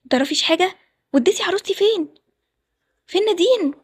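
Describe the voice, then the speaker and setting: A woman with an Egyptian accent voicing an old, rich, hot-tempered groom who talks loud and demanding. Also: sits high, racing, dry recording, studio quality, close to an everyday voice. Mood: furious. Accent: Egyptian Arabic. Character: old rich groom, man, quick to anger.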